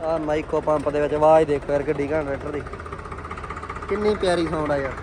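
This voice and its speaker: A man's voice: fairly high pitch, steady tone, quick pace. A man giving casual, chummy vlog commentary outdoors, addressing viewers as friends. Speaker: vlog host. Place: outdoors at a farm machinery fair. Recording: engine and vehicle noise, outdoors.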